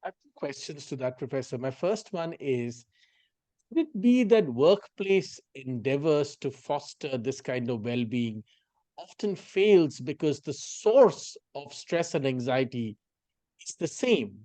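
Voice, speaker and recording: A man from India interviewing a professor, speaking deliberately in formal, eloquent phrases. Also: medium pitch, big pitch swings, mellow, no echo. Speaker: interviewer, moderator. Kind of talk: formal discussion questioning.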